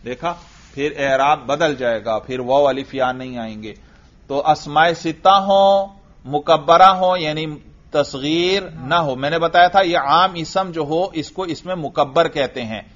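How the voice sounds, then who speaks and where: Patient male teacher drilling a student; fairly high voice, muffled recording. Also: fairly bright tone. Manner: patient, quizzing and praising the student. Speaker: teacher of Arabic grammar. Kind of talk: classroom grammar drill. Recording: dull lo-fi recording.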